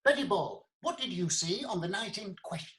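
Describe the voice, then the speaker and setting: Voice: mid-range voice, lively intonation, a little fast, a bit bright, natural voice, low-quality recording. An actor playing a formal prosecutor questioning witnesses in an amateur courtroom audio drama.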